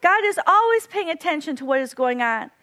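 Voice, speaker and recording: A woman with a high voice gives an earnest devotional talk. She tells a personal story in an animated, lively way and breaks into bird cries now and then. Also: fairly quick. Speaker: devotional speaker.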